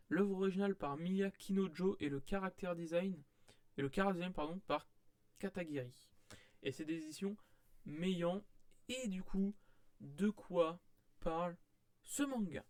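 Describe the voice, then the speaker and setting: Young-sounding man, fairly high voice, dry close mic; rambling casual reviewer full of fillers. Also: unhurried, dark tone, no room sound. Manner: rambling, many fillers and restarts. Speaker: manga reviewer.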